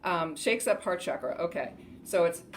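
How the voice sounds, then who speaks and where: A woman's voice: on the low side, lively intonation, moderate pace, a little hiss or hum. A middle-aged woman casually teaching breathing exercises to camera, chatty and laughing often, from a home room on a camera mic. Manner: chatty, laughs often, loud rhythmic "ha" shouts during exercises. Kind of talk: casual instructional talk to camera.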